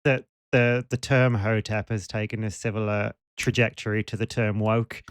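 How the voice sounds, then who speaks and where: A man talking casually on a podcast. His remarks are wry, sarcastic and self-deprecating. His voice is fairly low and dry, recorded close. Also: level tone, moderate pace, clear, resonant tone, no echo. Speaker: podcast co-host. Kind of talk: casual chat.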